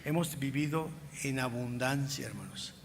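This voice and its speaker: An older Mexican pastor delivers a sermon full of personal testimony in a middle-pitched voice. He preaches emphatically, drawing out key phrases and pushing them louder. His voice rings through a church with a long, lingering reverb and faint room noise behind. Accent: Mexican Spanish. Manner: emphatic, slow stretches rising in loudness, acts out past dialogues. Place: church sanctuary.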